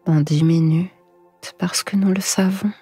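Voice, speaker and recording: Slow, breathy woman whispering right in your ear. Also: lowish voice, fairly even intonation, warm tone. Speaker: hypnosis guide. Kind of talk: whispered sleep hypnosis, guided relaxation. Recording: echoing voice over music. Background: music.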